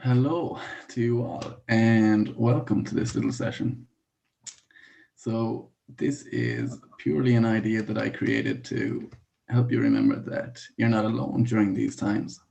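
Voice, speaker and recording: A man playing a middle-aged psychiatrist who calmly leads an online group therapy session. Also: fairly low pitch. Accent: Irish. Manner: calm, measured host of the session. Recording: gravelly voice over dull video-call audio.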